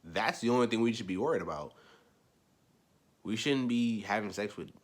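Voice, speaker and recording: A young male vlogger rants casually straight to camera, rambling through his opinions at a moderate pace in an animated way. He repeats himself and shifts between low mumbling and loud, emphatic bursts.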